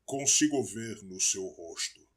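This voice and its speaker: A man voicing a grieving older father who speaks with quiet awe. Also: lowish voice, expressive, slow, pitched below the performer's own voice. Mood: awed. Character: grieving old man, bereaved father, awed. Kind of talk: audiobook character voice.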